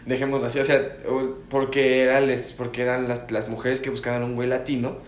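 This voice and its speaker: A man's voice: mid-range voice, little pitch movement, brisk. A young man from Mexico with a Mexican accent, chatting casually and dropping slang in nearly every phrase. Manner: slangy, says "güey" constantly. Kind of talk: casual chat. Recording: echoey room, faint ambient noise.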